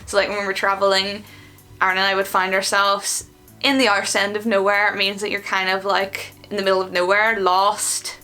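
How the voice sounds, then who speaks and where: A woman's voice: mid-range voice, flat delivery, moderate pace, bright, forceful tone, soft background music. A woman with a Northern Irish accent, chatting informally as she explains things to viewers and acts out little example exchanges. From Northern Ireland. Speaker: host of an online video channel. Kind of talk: casual, chatty explainer of slang.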